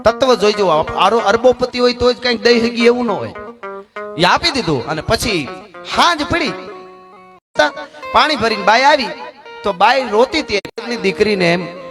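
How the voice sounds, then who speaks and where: High-voiced dramatic folk storyteller man. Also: animated, moderate pace, pauses often. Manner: dramatic, sliding between low narration and high cries. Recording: music playing behind.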